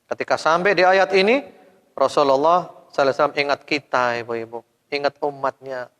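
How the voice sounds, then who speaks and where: Animated preacher man in an echoing hall. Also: on the high side, fast. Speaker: Islamic preacher. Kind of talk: sermon to a women's study group. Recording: long hall reverb.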